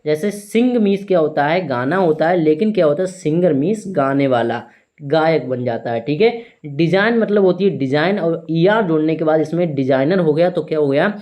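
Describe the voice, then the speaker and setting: A male teacher giving an English vocabulary lesson in Hindi. He asks a question, answers it himself, and spells each word out slowly one letter at a time, with "theek hai" in nearly every sentence. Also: fairly high pitch, darkish tone. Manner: repeats "ठीक है" often.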